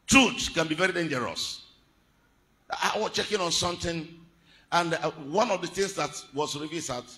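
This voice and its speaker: A man preaching a sermon as pastor of a church, with a Nigerian accent, swinging from shouted peaks to hushed, quiet lines. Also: on the high side.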